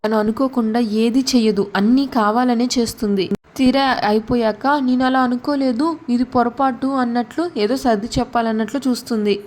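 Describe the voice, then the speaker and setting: Brief: woman voicing an enraged young mother, slightly high, scolding. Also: fairly even intonation, a little mellow, lightly acted. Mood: angry. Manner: scolding, rapid accusations. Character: furious young mother fiercely guarding her baby.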